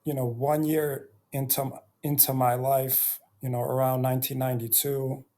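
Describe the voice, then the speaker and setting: A man in his thirties telling his life story on his own channel, reflective, pausing often between phrases. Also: medium pitch, flat delivery, dark tone. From Bosnia and Herzegovina. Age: 30s. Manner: slow and reflective, with many pauses and fillers. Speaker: YouTuber. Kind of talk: personal storytelling vlog.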